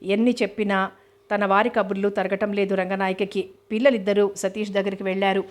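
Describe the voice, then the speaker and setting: A woman reading a novel aloud as an audiobook, in a steady, even narrating voice. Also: mid-range voice, brisk. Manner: even, steady reading, voicing all characters lightly. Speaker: novel reader.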